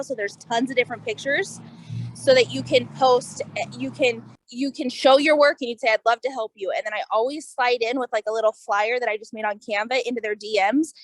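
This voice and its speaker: A woman's voice: a little high, a little hiss or hum. A woman coaching over a video call, talking casually with lots of fillers like "like" and "um". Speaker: lash business owner and coach. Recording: glitchy video call audio, sometimes distant.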